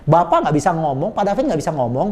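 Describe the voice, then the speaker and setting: A man coaching on sales manners in a lively conversational talk, explaining with quick asides and often addressing his listener politely. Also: a little high. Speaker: sales trainer.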